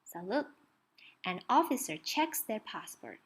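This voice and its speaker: A woman reads a children's story aloud with expression, stopping to ask young listeners questions and point things out. Her mid-range voice is very animated, with a breathy edge.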